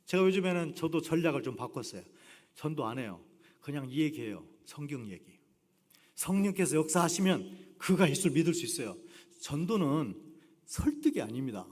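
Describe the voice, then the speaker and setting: A man's voice: on the high side, husky. A man preaching a sermon as a guest pastor, telling stories animatedly and acting out the voices of the people in them. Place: church sanctuary. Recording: long church reverb.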